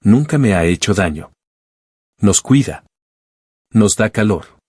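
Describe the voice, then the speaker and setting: A man's voice: on the low side, expressive, slow, a little mellow, breathy edge, dry recording, clean studio sound, full character voice. A man reading a sincere, brave little girl. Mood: earnest. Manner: earnest.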